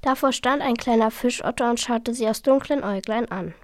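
A woman reading a children's story aloud, softly and at times in a whisper. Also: fairly high pitch, brisk, no room sound, clean studio sound.

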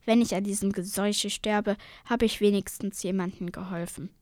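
A woman voicing a gruff, bearded old male fisherman who grumbles and mumbles his words. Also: mid-range voice, steady tone, normal speed, a little mellow, dry recording, studio quality, natural voice.

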